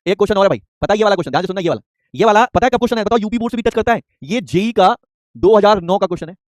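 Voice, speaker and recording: A young man teaching an online chemistry class, rapidly repeating points and firing quick questions at students. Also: sits high, expressive, dry recording, clean studio sound.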